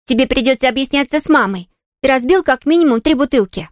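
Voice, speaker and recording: A woman's voice: sits high, expressive, quick pace, no room sound, clean studio sound, voice pushed up. A woman voicing a teasing older sister who sneers and scolds, in a storybook reading. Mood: annoyed.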